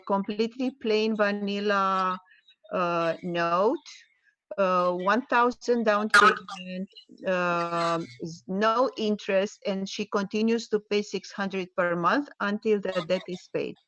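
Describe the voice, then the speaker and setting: A woman from Romania calling into a live Q&A, speaking slowly and carefully with many pauses. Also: medium pitch, steady tone, a bit bright, no room sound, highs cut off. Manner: slow, careful, hesitant with fillers. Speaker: caller asking about a note. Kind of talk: live Q&A call.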